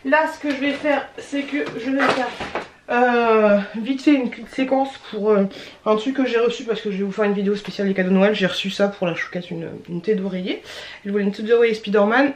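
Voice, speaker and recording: A woman's voice: mid-range voice, slight background noise. A young adult woman vlogging in a chatty, rambling way, full of slang and fillers. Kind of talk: casual chat.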